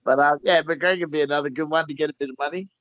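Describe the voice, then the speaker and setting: A man's voice: a little high, steady tone, racing, no room sound, lo-fi sound. A man talking as a fight coach in a casual interview, blunt and plain-spoken.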